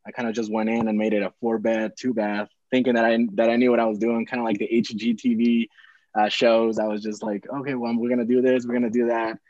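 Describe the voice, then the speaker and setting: A young Peruvian man, a real estate investor appearing as a guest, chats casually over a video call from a small room at home, rambling through a story full of fillers and restarts. His mid-range voice is quick and slightly mellow, with little pitch movement. He uses earbuds, and the audio comes through dull and dry.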